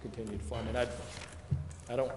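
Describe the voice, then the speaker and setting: A man with a medium pitch, steady tone and normal speed acts as an adviser presenting to a city committee at a public meeting, hedging and repeating himself as he explains. He's in a council chamber, and the recording is echoey with faint noise.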